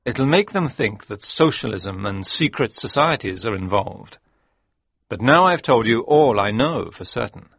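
A man voicing Sherlock Holmes, a sharp, confident male detective, in a brisk, commanding way. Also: mid-range voice, lively intonation, gravelly, breathy edge, no echo, heavily acted. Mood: explaining. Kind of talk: audiobook reading.

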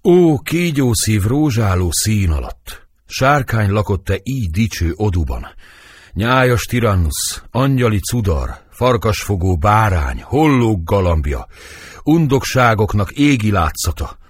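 A man's voice: on the low side, sing-song, slightly rough, no room sound, studio quality. A man reading the part of young Juliet, anguished and passionate, in dramatic verse.

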